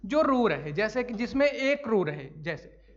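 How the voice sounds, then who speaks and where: A man's voice: high voice, very animated, unhurried. A man teaching a maths lesson, asking and answering his own questions and often repeating key points. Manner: calls students "sir", "bhai". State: coughing now and then. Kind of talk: classroom lecture. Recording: dull lo-fi recording.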